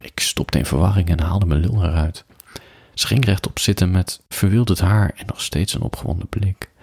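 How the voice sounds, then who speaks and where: Deep, husky man reading softly at bedtime. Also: steady tone, dry recording, studio quality. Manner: soft, slow and intimate, drifting into whispers. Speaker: storyteller reading to listeners. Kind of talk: intimate bedtime story reading.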